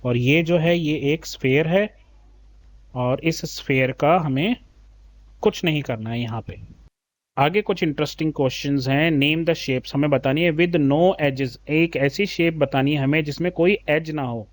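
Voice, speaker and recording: A man teaching a children's maths lesson, patiently explaining a textbook and calling the pupils "beta". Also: a little high. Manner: reads English questions slowly, then explains in Hindi.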